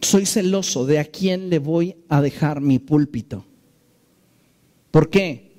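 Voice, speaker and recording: A man preaching a sermon as a pastor in his church, slowing down and stressing key phrases in an earnest way. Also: a little high, darkish tone. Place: church sanctuary.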